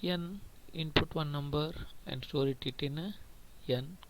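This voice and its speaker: A man's voice: on the high side, measured pace, heavy background noise. A male computer teacher walks through a programming lesson, explaining patiently and repeating points, often checking in with "okay.". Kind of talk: screen-recorded programming lesson.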